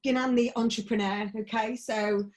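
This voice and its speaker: Woman host with a slightly high voice, playful and teasing, on a video call. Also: fairly even intonation, normal speed, darkish tone. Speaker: webinar host. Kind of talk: video-call webinar interview.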